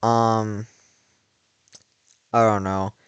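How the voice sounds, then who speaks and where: A late-teen male vlogger with a fairly low voice speaks flatly, drawing out his words. The tone is clean, with no echo and the highs cut off. His voice is slightly worn from cheering as he rambles casually, full of "like" and restarts.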